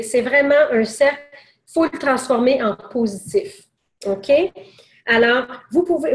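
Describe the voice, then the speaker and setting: A woman's voice: high voice, reverberant. A woman giving a sales training seminar in a conversational way, with many restarts and fillers.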